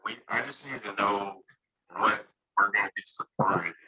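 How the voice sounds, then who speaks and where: A man asking a question in an online meeting, his call audio glitching and breaking up so he sounds distant and whispery. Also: fairly low pitch. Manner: halting, hard to make out, whispery dropouts. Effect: glitching, broken-up call audio. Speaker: referee on a call. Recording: garbled distant call audio with background chatter.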